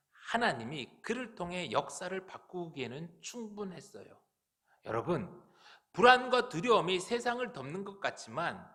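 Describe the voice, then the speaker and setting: Male pastor, church sermon, high and very lively pitch, earnest questioning delivery. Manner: earnest, rhetorical questions to the congregation. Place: church sanctuary.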